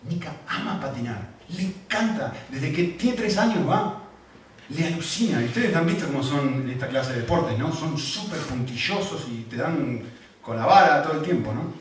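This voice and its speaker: A man preaching a sermon as pastor, animated and full of rhetorical questions, then soft when he tells personal stories. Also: fairly high pitch, moderate pace. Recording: echoey hall, distant mic, faint noise.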